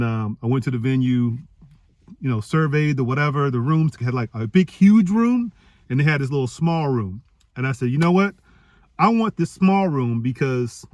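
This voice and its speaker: A man telling a personal story to an audience, acting out the dialogue with lively jumps in his voice. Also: dry recording. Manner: animated, acts out quoted dialogue with pitch jumps. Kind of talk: storytelling talk.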